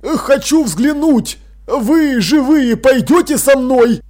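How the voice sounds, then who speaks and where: A man voicing an excitable, bossy old mummy king who talks in loud, eager exclamations, in an audiobook. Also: extremely high pitch, slow, voice pushed up, full character voice.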